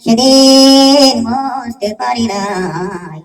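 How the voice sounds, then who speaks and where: A man's voice: very high-pitched, drawn-out words, soft background music, pitched below the performer's own voice, heavily acted. A male preacher voicing an anxious old caliph, urgent and pleading, in an echoey hall with a distant mic.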